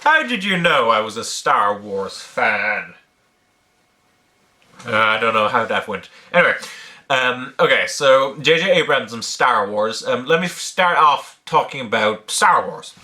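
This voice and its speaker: Here the Irish video creator speaks unhurriedly, his medium-pitched voice pushed and bright with big swings in pitch. Answering viewer questions casually and unscripted, he sounds hesitant, thinks aloud with lots of ums, and carries a blend of Irish, British and American accents.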